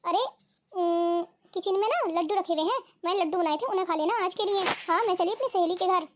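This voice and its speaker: A woman's voice: very high-pitched, fairly quick, noisy background. A woman voicing a jealous, scheming young wife in a cartoon, who grumbles and whines. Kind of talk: cartoon voice acting.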